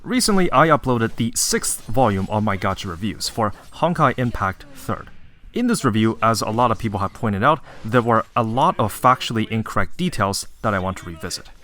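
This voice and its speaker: A man reading scripted video narration as a game reviewer, in an earnest, measured and apologetic manner. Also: fairly low pitch, animated, a bit bright.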